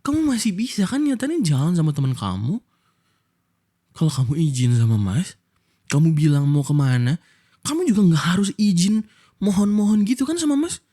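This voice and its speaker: A man's voice: sits high, sing-song, normal speed, mellow. A young Indonesian man in a whispered role-play as a husband, scolding his wife with hurt reproach.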